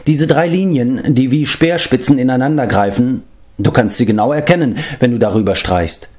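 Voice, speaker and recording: A man voicing a jovial, talkative bard who declaims with lively emphasis in a storybook reading. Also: mid-range voice, moderate pace, voice pushed up, natural voice. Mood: hearty.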